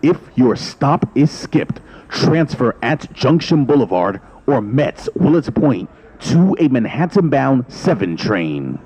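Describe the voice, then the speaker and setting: A man's voice: medium pitch, very animated, slow, a little mellow, low-quality recording. A man's automated station announcement, built from spliced-together recorded words and delivered formally word by word.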